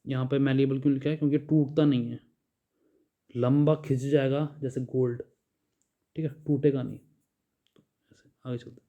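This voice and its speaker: A man's voice: mid-range voice, steady tone, moderate pace, long pauses. A man teaching a bilingual vocabulary lesson, reading word lists and explaining each in Hindi with frequent "ठीक है". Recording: dull lo-fi recording.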